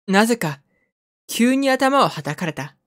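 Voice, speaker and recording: A woman reads the part of a bewildered young man with no memory and a dry inner voice, giving it wry narration. Her fairly high voice is very animated at a measured pace, with game music playing underneath.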